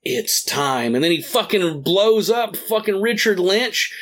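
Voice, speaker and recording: A man's voice: high voice, unhurried, fairly bright tone. Enthusiastic swearing man arguing a pick. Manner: enthusiastic, swears freely, rambling with fillers. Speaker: podcast co-host arguing a movie pick. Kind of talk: casual debate chat.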